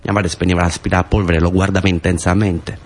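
An actor and storyteller with a southern Italian accent performs a theatrical monologue in short, colloquial, repeated phrases. His voice is deep and his delivery flat and fast.

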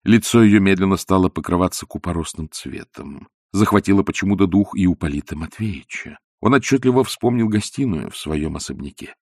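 Male audiobook narrator, very low voice, expressive theatrical reading, dry close studio sound. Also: a little fast, few pauses, slightly rough, no echo.

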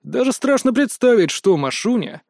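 Casting: male audiobook narrator, high voice, wry and matter-of-fact, dry close recording. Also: big pitch swings, moderate pace, creaky, a little mellow, no echo. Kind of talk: first-person audiobook narration.

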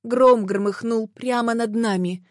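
A woman reading a first-person audiobook in an emotional, expressive way. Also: on the high side, unhurried, no echo, clean studio sound. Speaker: audiobook narrator.

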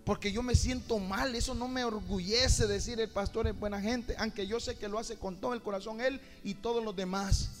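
A middle-aged man preaching a fervent sermon as pastor, his voice swelling and rising to shouts. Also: high-pitched, steady tone, moderate pace, hardly any pauses, big-room sound, faint music behind.

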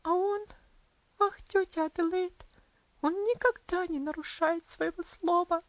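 A woman's voice: very high-pitched, normal speed, a little mellow, dry recording, muffled recording, pitched above the performer's own voice. A woman voicing a frail, sickly little girl who pleads weakly through tears. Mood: tearful pleading. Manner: pleading, tearful, weak.

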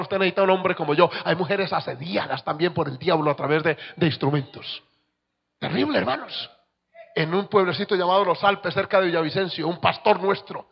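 Impassioned high-pitched preacher. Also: male voice, vocal fry, dull audio. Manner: impassioned preaching, swings from soft to shouting. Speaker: pastor. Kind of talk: sermon.

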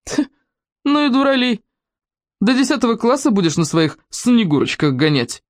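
A man's voice: very high-pitched, very animated, moderate pace, dry recording, voice pushed up. A man doing a swaggering schoolboy who orders his friend about in a grave, self-important tone. The voice is close and dry, with no room around it. It rises and falls freely as he lays down the law. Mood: scornful. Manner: pompous, solemn, commanding. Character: boastful, bossy schoolboy, fifth-grader.

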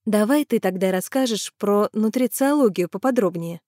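A woman reading voicing a shy, modest young woman who speaks softly. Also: medium pitch, lively intonation, moderate pace, no echo, studio quality, lightly acted. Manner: soft, hesitant.

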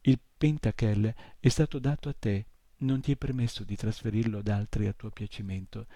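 A weary little horse who has given up, speaking softly and heavily with sorrow, as a man reads him aloud. The voice is low and dark, with a gravelly edge. It sounds close and dry, with no room around it. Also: steady tone, normal speed, no room sound. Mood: sorrowful. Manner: soft and heavy with sorrow. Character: small despairing male horse, weary and sad. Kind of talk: audiobook reading.

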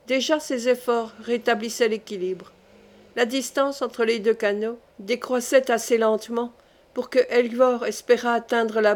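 A woman reading a prehistoric adventure novel aloud in a measured storytelling manner. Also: fairly high pitch. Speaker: audiobook reader. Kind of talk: scripted narration of a novel.

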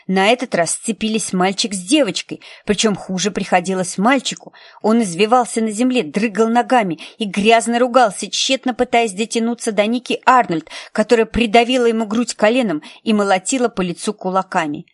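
A woman narrating a novel in a measured storytelling manner, recorded close to a studio mic. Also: medium pitch, no echo. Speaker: audiobook narrator. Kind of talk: scripted narration.

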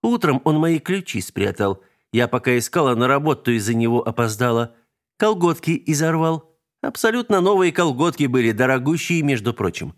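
A man's voice: medium pitch, very animated, normal speed, voice pushed up, close to an everyday voice. A man voicing a stern, irritable mother who scolds and grumbles in a storybook reading. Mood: exasperated. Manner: sharp, scolding, sarcastic.

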